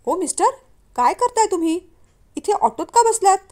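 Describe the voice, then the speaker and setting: A woman's voice: high-pitched, brisk, lightly acted. A woman voicing an angry, suspicious young woman who scolds a stranger in a story reading. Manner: sharp and scolding.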